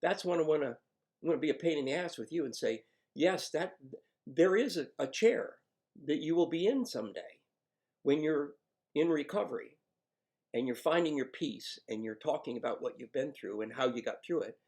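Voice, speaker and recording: Gravelly man coaxing gently. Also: a little high, lively intonation, moderate pace. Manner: gentle, coaxing, self-mocking. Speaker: addiction counselor. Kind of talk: coaching a patient one-on-one.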